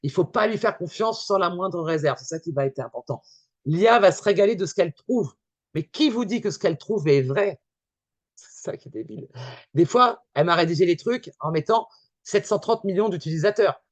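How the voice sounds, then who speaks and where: A man giving a casual conference talk with slides, talking fast and emphatically and repeating his points to the audience. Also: high voice, lively intonation, no room sound, dull audio. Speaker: conference speaker.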